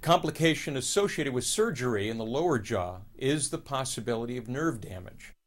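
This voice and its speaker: A man playing a calm oral surgeon, explaining in measured, formal scripted narration. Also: mid-range voice, natural voice. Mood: measured, explanatory. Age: 50s. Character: calm middle-aged male oral surgeon advising patients. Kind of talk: scripted patient-education narration.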